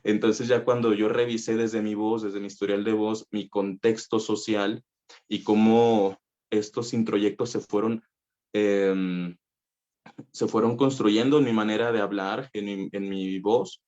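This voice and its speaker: A man's voice: fairly low pitch, fairly even intonation, a little slow, darkish tone, highs cut off. A man from northern Mexico with a Mexican Spanish accent, a voice teacher giving a conversational talk full of fillers. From northern Mexico (Coahuila). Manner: conversational, many fillers, laughs easily. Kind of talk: conference talk.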